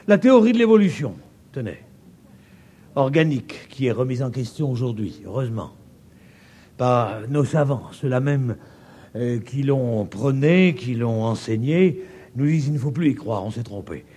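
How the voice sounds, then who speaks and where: A man's voice: fairly high pitch, husky. Emphatic French-accented male preacher. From France. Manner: emphatic, rising to loud peaks with slow drawn-out phrases; speaks directly to a live audience with asides and humor. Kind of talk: sermon.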